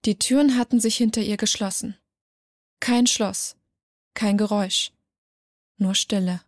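A woman narrating a dark fantasy story in a measured, dramatic way. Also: mid-range voice, steady tone.

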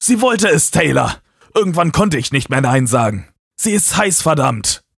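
A man's voice: fairly high pitch, big pitch swings, normal speed, gravelly, a bit bright, husky, dry recording, studio quality, pitched above the performer's own voice, full character voice. Man putting on a defensive young guy. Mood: pleading. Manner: defensive, pleading. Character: young man, angry friend who lied.

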